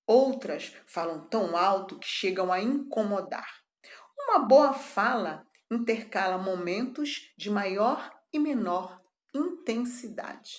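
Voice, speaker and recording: A woman's voice: mid-range voice, lively intonation, takes it slowly, reverberant. A woman teacher giving a recorded class, explaining things step by step and often checking in with a questioning tag. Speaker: arts teacher.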